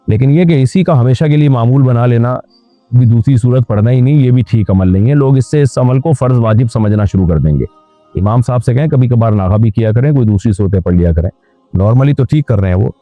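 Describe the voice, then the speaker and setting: Plain-spoken scholar on a tinny line. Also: male voice, mid-range voice, brisk, no echo. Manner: direct, advisory, plain-spoken. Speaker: Islamic scholar answering questions. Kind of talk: question-and-answer religious advice. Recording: tinny phone-like sound with faint music.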